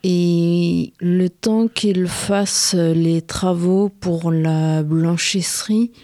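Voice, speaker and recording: A woman in her thirties with a western French accent, answering questions in a radio studio with halting speech and many pauses. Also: lowish voice, steady tone, dark tone, no echo. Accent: French, from western France. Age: 30s. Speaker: interviewee. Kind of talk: radio interview.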